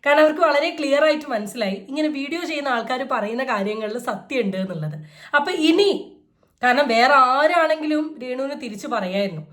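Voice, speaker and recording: High-voiced sarcastic woman vlogger. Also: a little fast. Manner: sarcastic, mocking, energetic. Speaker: vlogger hosting a reaction channel. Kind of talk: casual reaction commentary.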